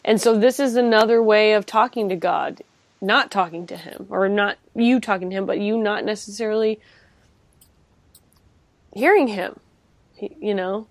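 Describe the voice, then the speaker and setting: A woman's voice: mid-range voice, moderate pace, long pauses, no room sound. A woman talking enthusiastically about faith in a casual chat, often restarting her sentences. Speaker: co-host.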